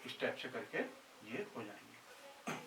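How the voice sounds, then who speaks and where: A man's voice: mid-range voice, lively intonation, unhurried, vocal fry, crowd noise. A male physics teacher explaining formulas step by step, often repeating himself. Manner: repetitive, drills formulas step by step. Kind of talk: blackboard lesson explanation. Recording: echoey room, distant mic, faint hiss.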